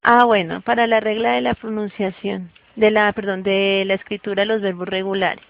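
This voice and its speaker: A woman's voice: mid-range voice, fairly even intonation, normal speed, gravelly, highs cut off. A woman teaching a lesson patiently, often stopping to check that her student understands. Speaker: English teacher. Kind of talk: classroom teaching.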